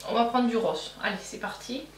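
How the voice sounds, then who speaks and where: Recorded off-mic in an echoey space with faint hum, this beauty vlogger speaks fairly quickly in a slightly high voice. As she applies makeup, she rambles casually, thinking out loud with lots of fillers and corrections.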